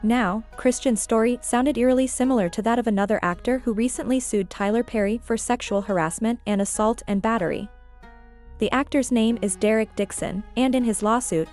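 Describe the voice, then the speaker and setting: A woman's voice: a little high, a little mellow. A woman delivering scripted entertainment gossip commentary as a narrator.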